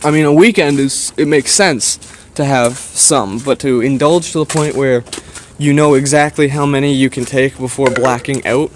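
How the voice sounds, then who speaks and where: A man's voice: medium pitch, fairly even intonation, moderate pace, few pauses, a little hiss or hum. A man with a Canadian accent chatting casually to his viewers in a hesitant, meandering way while out and about. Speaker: vlogger. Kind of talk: casual rambling chat to viewers.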